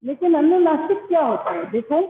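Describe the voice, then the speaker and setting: A woman's voice: sits high, big pitch swings, normal speed, slight background noise. A woman teacher giving an online class, explaining patiently, asking her pupils questions and calling them "beta". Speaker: Hindi teacher. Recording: echoey, phone-like online class audio.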